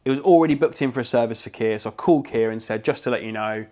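A man's voice: medium pitch, racing. Chatty English man telling a story. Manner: animated, swears freely, quotes people in his story. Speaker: podcast co-host. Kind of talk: casual storytelling chat.

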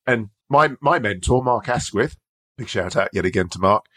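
A man hosting a podcast interview, relaxed and self-deprecating, laughing easily. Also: on the low side, normal speed, dry recording. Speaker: podcast host. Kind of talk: casual interview chat. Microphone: podcast microphone.

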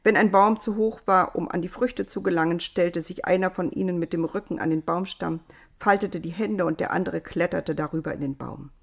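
Woman reading a kids story, lowish gravelly voice, lively. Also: fairly quick. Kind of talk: reading a children's story aloud.

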